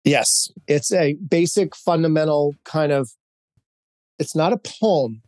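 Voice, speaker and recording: A man in his fifties who grew up in Hawaii, United States, now a corporate executive, tells stories in candid interview answers full of fillers and restarts. He speaks slowly in a fairly high voice with a darkish tone, recorded dry.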